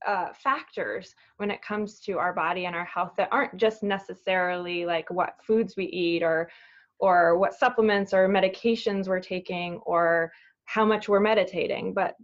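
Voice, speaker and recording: A woman's voice: on the low side, moderate pace. Affirming woman host, dull lo-fi sound. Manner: affirming, steady "mm-hmm" responses, enthusiastic questions. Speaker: summit interview host. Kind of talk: casual interview conversation. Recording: dull lo-fi audio.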